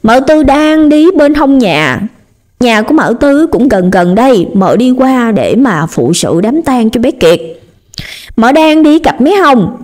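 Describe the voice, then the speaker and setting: A young woman with a Southern Vietnamese accent, narrating a ghost story with dramatic, lively delivery. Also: high-pitched, takes it slowly.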